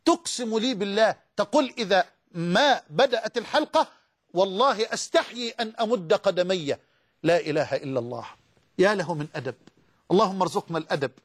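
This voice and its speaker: A man's voice: sits high, lively intonation, brisk. A man preaching in Egyptian Arabic, delivering an emotive religious lecture that moves between recited scripture and colloquial speech. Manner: emotive, swearing oaths, mixing Quranic recitation with colloquial speech.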